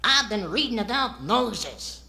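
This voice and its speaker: Squeaky boy ventriloquist dummy, cheeky and naive, bright, swooping delivery for stage comedy. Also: very animated, measured pace, gravelly, full character voice. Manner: cheeky, naive comic answers.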